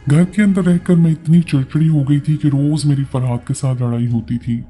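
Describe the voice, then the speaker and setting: A male storyteller with a Pakistani Urdu accent reads a first-person tale in a steady, earnest voice. His tone is very dark and mellow, with faint music under it. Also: on the high side, a little fast, slightly rough.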